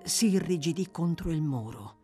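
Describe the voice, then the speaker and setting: A woman reading a classic novel aloud with expressive, dramatic narration. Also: sits low, moderate pace, faint music behind. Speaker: audiobook reader. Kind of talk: literary audiobook narration.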